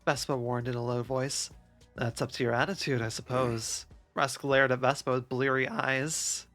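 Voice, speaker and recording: Bright-voiced streamer narrating a game. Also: mid-range voice, flat delivery, moderate pace, soft background music. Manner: laughs between lines, breaks off to joke. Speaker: streamer reading and voicing a game. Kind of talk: live-streamed story narration.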